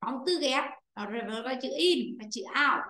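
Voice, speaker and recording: Woman teacher on an online class, high bright voice, echoey room, keeps repeating stuff. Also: lively intonation. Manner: explains slowly, repeats points to students. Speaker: English teacher. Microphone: computer microphone on a video call.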